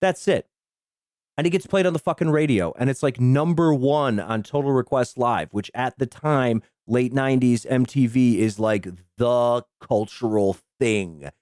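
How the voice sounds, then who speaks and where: A man hosting a casual film podcast, telling the story in an animated way with swearing and laughs. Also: mid-range voice, measured pace, dry recording, clean studio sound. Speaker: podcast host.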